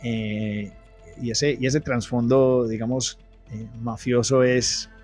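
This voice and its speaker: A man's voice: mid-range voice, steady tone, slow, a little mellow, faint music behind. A man telling his personal testimony in an interview, earnest and full of restarts. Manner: earnest storytelling, frequent restarts.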